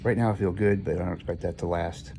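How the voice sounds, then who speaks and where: A man speaks in a deep voice with a heavy, gravelly fry. He records a casual patient's video diary in a plain, matter-of-fact way, pausing to hunt for words. Clear room noise runs behind him. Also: steady tone. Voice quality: low, gravelly voice. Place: hospital room, indoors. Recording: noisy room ambience behind voice.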